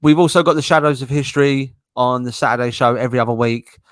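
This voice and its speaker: A man's voice: mid-range voice, fairly even intonation, fast talker, no echo. A man hosting a casual podcast chat, laughing often as he rambles. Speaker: podcast host.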